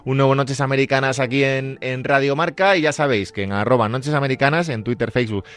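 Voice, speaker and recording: Smooth-voiced male sports radio host. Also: mid-range voice, fast. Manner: friendly, brief interjections, wraps up the show. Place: radio studio.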